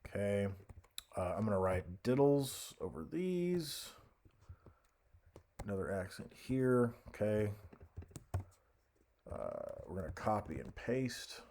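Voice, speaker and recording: A man giving a casual software tutorial as an instructor, hesitant and thinking aloud as he goes. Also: fairly low pitch, animated, slow pace, pauses often, a little hiss or hum.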